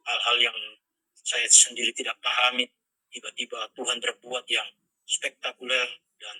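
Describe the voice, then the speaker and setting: A man's voice: medium pitch, bright, forceful tone, slightly rough, no room sound, low-quality recording. A middle-aged man telling his life story as a personal testimony, in an earnest storytelling way and acting out the dialogue. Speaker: pastor giving a testimony.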